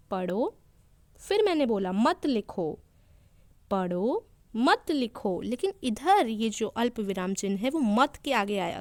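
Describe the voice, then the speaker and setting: A woman teaching young children a grammar lesson, her voice sitting a bit higher than most. She goes over each point again and again in simpler words. The sound is close and dry, with no room around it. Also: darkish tone, no echo. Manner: repeats and rephrases each point slowly for young pupils.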